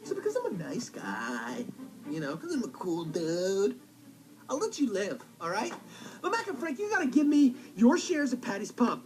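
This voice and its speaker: A frantic power-mad schemer. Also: male voice, huge pitch swings, normal speed, darkish tone, faint music behind, exaggerated voice. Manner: frantic, bossy, high-strung. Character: scheming excitable young man gone power-mad.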